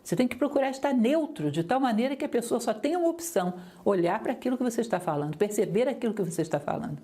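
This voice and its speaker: A woman lecturer teaching public speaking, talking straight to her listeners with lively, varied intonation. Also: a little high, racing. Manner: didactic, lively intonation, addresses listeners directly.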